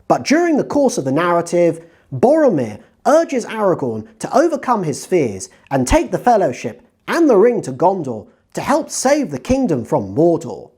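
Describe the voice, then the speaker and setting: Woman narrating with swooping, lively pitch. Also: moderate pace. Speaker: narrator of a writing-tips video. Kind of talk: scripted narration.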